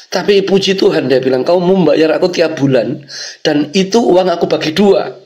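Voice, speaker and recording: A middle-aged male pastor telling a personal testimony in a sermon, storytelling and speaking to the congregation. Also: fairly high pitch. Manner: storytelling, addresses congregation, frequent fillers.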